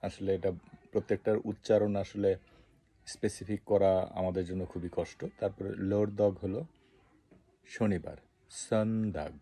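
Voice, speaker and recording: A man giving a casual language lesson, repeating each word slowly for pronunciation practice. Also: low voice, little pitch movement, warm tone, breathy edge, no echo. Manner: slow, repeats words for pronunciation drill. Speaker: language teacher.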